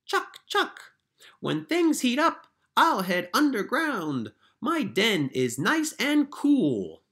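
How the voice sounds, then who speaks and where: A man doing a high, bouncy woodchuck. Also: huge pitch swings, very slow, sharp tone, full character voice. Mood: cheerful. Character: cheerful woodchuck in a children's script.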